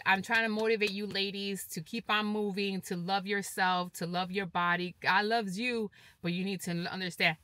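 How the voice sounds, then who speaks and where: A woman talks casually to her vlog audience. She is upbeat and motivating and repeats her points. Her voice is bright, and the sound is dry and close, with little room. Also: medium pitch, no echo. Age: 40s. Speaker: fitness vlogger. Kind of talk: casual vlog chat to camera.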